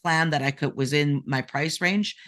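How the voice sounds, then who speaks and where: A man speaking as a panelist in a casual discussion, halting and restarting often as he explains. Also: fairly high pitch, fairly bright tone.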